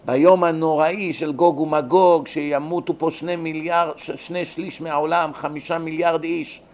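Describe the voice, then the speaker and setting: A man delivering a fervent sermon in a fairly high voice. He scolds, asks the audience questions, and acts out sinners begging for mercy. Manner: preachy, dramatic, acts out pleading voices. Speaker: rabbi lecturer.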